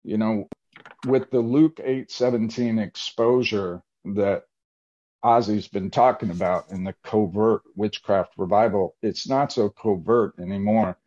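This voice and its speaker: Low-voiced man, eager testimony, lo-fi. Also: fairly even intonation, a little slow, a little mellow. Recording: dull lo-fi sound.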